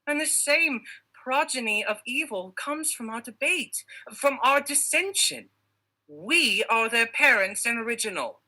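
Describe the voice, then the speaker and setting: A woman's voice: a little high, expressive, a little slow, pushed and bright, full character voice, low-quality recording. A woman playing a proud, wrathful fairy queen in hammy, theatrical Shakespearean verse on stage. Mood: indignant, grand.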